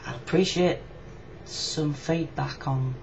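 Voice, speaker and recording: In a personal video reply filmed in a room, a Yorkshire woman speaks slowly with a low-pitched, slightly mellow voice, her tone relaxed, frank and reflective. The video blogger's webcam gives muffled, lo-fi audio with distinct background noise.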